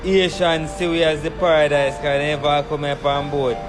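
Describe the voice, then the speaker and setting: A Jamaican man speaks an urgent, preachy commentary in a slightly high voice. Loud music plays under his voice. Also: level tone, normal speed. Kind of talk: ranting social commentary.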